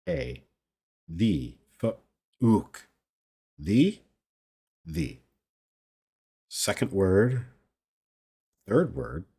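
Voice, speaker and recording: A man's voice: fairly low pitch, warm tone, breathy edge, pitched above the performer's own voice, exaggerated voice. Carrot, a man doing an earnest young watchman. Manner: eager, puzzled guessing. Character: earnest simple young male watchman guessing charades.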